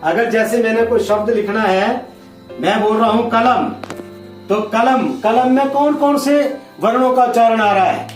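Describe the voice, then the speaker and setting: A man with a high-pitched voice explains a grammar lesson to schoolchildren, patiently repeating himself and drawing out single sounds. The room rings with echo, and faint music plays underneath. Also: unhurried. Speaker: Hindi teacher.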